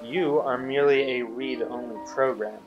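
A man reading the lines of a calm female scientist in a game playthrough, in a measured, explanatory way. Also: mid-range voice, dull audio, over music, natural voice. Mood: explaining.

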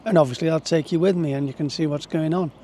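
A man vlogs outdoors with a tractor rumbling in the background. His voice sits a little high for a man, and he chats casually and haltingly into a lapel mic. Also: mellow. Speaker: hobby photography vlogger. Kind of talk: casual vlog talk to camera. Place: outdoors in gardens. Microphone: lapel mic with furry windshield. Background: tractor engine rumble.

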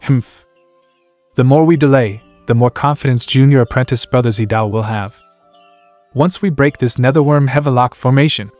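A man's voice: mid-range voice, normal speed, a little mellow, faint music behind, natural voice. A man voicing a boastful giant warrior, Jade Child. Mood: confident. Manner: boastful, commanding. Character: arrogant giant warrior cultivator, male young adult.

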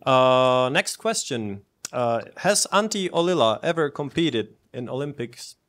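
A man's voice: mid-range voice, expressive, unhurried, a bit bright. A man hosting a casual studio quiz, upbeat and teasing. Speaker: quiz host.

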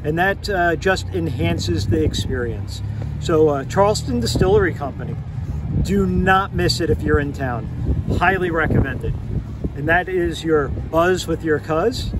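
A man's voice: fairly high pitch, a little slow. A man in his forties hosting a casual travel review vlog, talking to a phone camera at arm's length outside, with upbeat, emphatic verdicts. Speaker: vlog host. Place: outdoors in a parking lot. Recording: outdoor noise.

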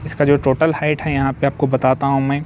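The man's voice is medium-pitched, flat and somewhat dark, moving at a fairly quick pace over slight background noise. As a construction vlogger, he holds his phone while touring the outdoor site and explains the work repetitively with English technical terms mixed in.

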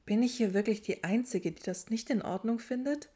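A woman's voice: fairly high pitch, normal speed, mellow, husky, voice pushed up. A woman voicing an earnest, bookish young witch who questions things with indignation. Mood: indignant.

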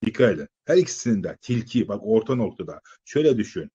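A man lecturing exam candidates in a slightly husky voice. He talks in a loose, conversational way, firing rhetorical questions at the class and stretching out filler sounds while he thinks. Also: fairly low pitch, sing-song, fast talker, mellow, dull audio. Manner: asks students rhetorical questions, many "e" fillers. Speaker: exam-prep teacher. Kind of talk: live lecture to students.

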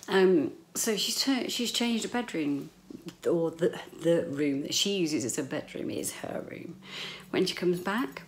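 A woman's voice: on the low side, animated, unhurried. A middle-aged British woman vlogging casually from an echoey room, rambling and playful. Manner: rambling, playful, mildly sweary. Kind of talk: casual chatty vlog to camera. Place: small echoey bedroom at home, indoors. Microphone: handheld camera at arm's length.

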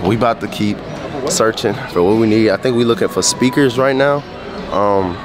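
Music plays in the background of this reverberant clip, where a young adult vlogger with a blocked nose talks at normal speed in a lowish voice. He greets viewers with hype and chats in relaxed slang into a camera held at arm's length, starting in a small room and ending up in a large electronics store.

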